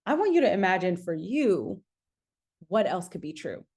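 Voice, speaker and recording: Husky, a little mellow and very animated, a woman's lowish voice moves at a normal speed as she hosts a casual motivational podcast. As a singing artist coaching her listeners, she speaks emphatically, repeats key phrases, checks in with the listener and performs her own thoughts as quoted lines.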